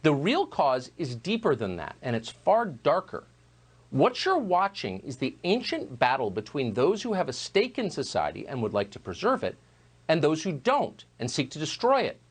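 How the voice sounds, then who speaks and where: Emphatic male news host, husky voice. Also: fairly high pitch, huge pitch swings. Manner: measured, emphatic delivery. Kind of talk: scripted opinion monologue.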